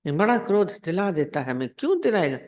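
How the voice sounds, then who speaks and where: A woman's voice: lowish voice, big pitch swings, brisk, darkish tone. A woman spiritual teacher giving a discourse, explaining in a conversational way with everyday examples and rhetorical questions.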